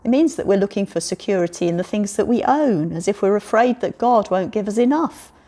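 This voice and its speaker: Lively woman preaching to all ages. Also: mid-range voice, fairly quick. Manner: lively storyteller, invites the congregation to join in. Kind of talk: all-age sermon.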